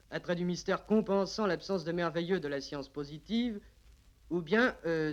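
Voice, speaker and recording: Highish-voiced male interviewer on worn tape. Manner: wordy, probing questions. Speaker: radio interviewer. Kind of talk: formal 1950s radio interview. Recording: old worn 1950s radio tape.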